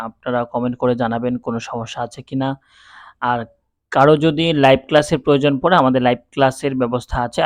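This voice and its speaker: A man's voice: mid-range voice, no room sound. A man teaching Quran reading to beginners, explaining patiently and spelling out letters one by one in drills. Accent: Bangladeshi Bengali. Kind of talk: step-by-step lesson, spelling out letters.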